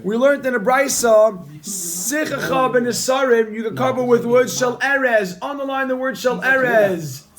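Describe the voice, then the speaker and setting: High-voiced man drilling a Talmud class. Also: moderate pace, few pauses. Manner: repeats key phrases over and over, drilling the point; energetic and emphatic, calling on students. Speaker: Talmud teacher. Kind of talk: Talmud class reading and explaining text.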